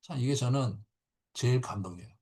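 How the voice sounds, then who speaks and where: Pastor guy teaching bible class on a video call, animated, acts out the quotes, keeps asking "right?". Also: mid-range voice, fairly quick. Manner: animated, acts out quotes, frequent tag questions. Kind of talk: lively Bible lecture.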